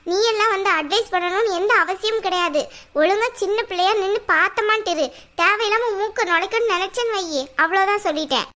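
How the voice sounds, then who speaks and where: A harsh, scolding cartoon mother-in-law who barks commands, as a woman puts her on. The voice sits very high and sounds bright and forceful. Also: quick pace. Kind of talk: cartoon voice acting.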